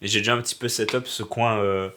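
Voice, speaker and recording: A man's voice: on the low side, fairly even intonation, fast, pushed and bright, slight background noise. A man from Alsace, sick with a sore throat and coughing, chatting in a slangy, self-mocking, rambling vlog about making a game. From Alsace, France. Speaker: hobby game developer vlogger. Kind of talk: casual vlog chat.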